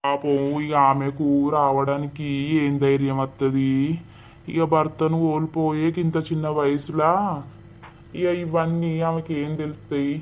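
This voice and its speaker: A woman voicing a calm village woman with a Telangana Telugu accent, firm and reassuring. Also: low voice, unhurried. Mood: consoling. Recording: faint music underneath.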